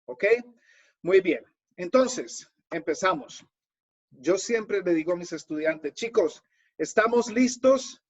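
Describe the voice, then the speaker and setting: A man's voice: sits high, expressive, slow, long pauses. A man hosting a live online webinar as a Spanish teacher. He explains patiently and speaks directly to his viewers over a video call. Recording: dull lo-fi video-call audio.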